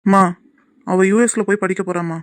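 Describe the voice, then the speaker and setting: A woman's voice: mid-range voice, flat delivery, moderate pace, no room sound, close to an everyday voice. A woman voicing a lovesick, gloomy young man in a cartoon, subdued and wistful. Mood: troubled. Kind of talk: cartoon voice acting.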